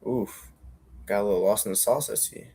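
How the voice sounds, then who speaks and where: A young man in relaxed podcast talk who feels his way through deep questions, padding them with "like." His voice sits on the low side. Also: a little fast, over a noisy crowd. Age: young adult. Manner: searching, loose questions full of "like". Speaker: podcast co-host. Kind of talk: casual chat.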